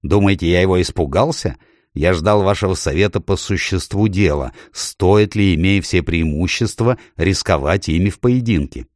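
A man's voice: low-pitched, moderate pace, a little mellow, dry recording, clean studio sound, lightly acted. A man reading an audiobook, voicing a middle-aged usurper king who barks indignantly at his lords. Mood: furious. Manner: barking, indignant.

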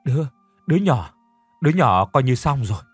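A man voicing a breathless, excited young man who blurts out news in a hurry. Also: mid-range voice, breathy edge, dry recording, faint music behind. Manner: hurried, breathless.

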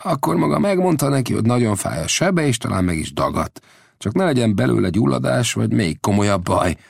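A man voicing a calm, self-assured old male frontier scout in an audiobook, with mocking ease. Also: mid-range voice, vocal fry, breathy edge, no echo, clean studio sound, voice pushed up, full character voice. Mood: calm wry. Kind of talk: audiobook character voice.

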